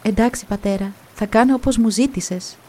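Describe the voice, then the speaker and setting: A woman's voice: fairly high pitch, warm tone, pitched above the performer's own voice, lightly acted. A woman voicing a frightened young princess who calls out with a trembling, panicked voice. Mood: timid. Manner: tremulous, calling out in panic. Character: high-pitched young princess, frightened girl.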